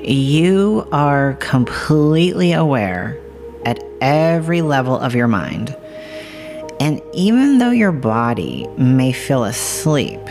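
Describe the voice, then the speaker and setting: Very slow, creaky-voiced meditation guide. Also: mid-range voice. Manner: soothing, hypnotic, reassuring. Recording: music bed behind the voice. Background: music.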